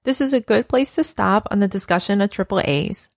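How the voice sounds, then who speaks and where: Her mid-range voice is brisk, with studio-quality audio and no room sound. Leading a nursing podcast lecture, this nurse educator walks through steps in a plain teaching manner, speaking directly to "you."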